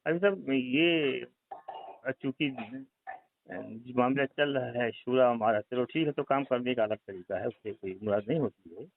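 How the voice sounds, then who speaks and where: Speaking a little slowly at medium pitch, with no echo, a man on a recorded phone call challenges a member of a religious group. His religious argument is insistent, built on repeated leading questions.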